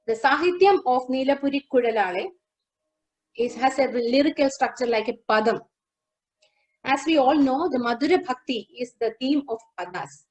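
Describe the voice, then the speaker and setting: A woman giving a lecture demonstration over a video call, explaining song lyrics line by line and singing a few verses slowly. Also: on the high side, a little mellow, low-quality recording. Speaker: lecturer on Carnatic music. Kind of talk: lecture demonstration with sung lines.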